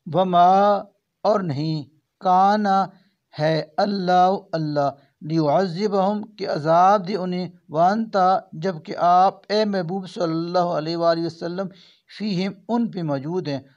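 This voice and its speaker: A man reading a verse-by-verse scripture translation, measured and phrase by phrase. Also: sits high, a little mellow, muffled recording. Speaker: translation reader.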